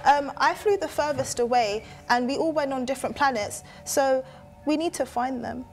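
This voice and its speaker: A woman playing an excitable young alien girl who is lost from home, talking hesitantly with many ums, for a children's show. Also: high-pitched, normal speed, soft background music. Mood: eager. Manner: hesitant, full of ums, gasping. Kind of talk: children's TV acting.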